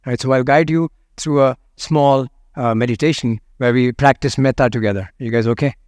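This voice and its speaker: A man speaking as a meditation teacher, guiding listeners in a gentle, unhurried manner. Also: medium pitch, steady tone, no echo, clean studio sound. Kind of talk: guided meditation and talk on loving kindness.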